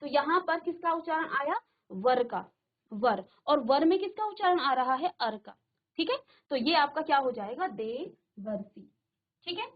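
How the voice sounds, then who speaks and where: A woman's voice: sits high, animated, normal speed, lo-fi sound. A woman teacher giving a classroom grammar lesson, repeating terms and asking the class questions, in a virtual classroom studio.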